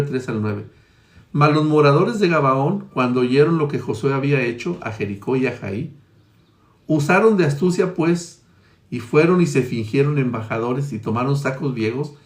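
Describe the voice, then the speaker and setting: A man preaches a sermon, reading Scripture aloud and pressing his points with sudden swings between loud and quiet. His voice sits at an ordinary middle pitch. The sound has a noticeable roomy echo.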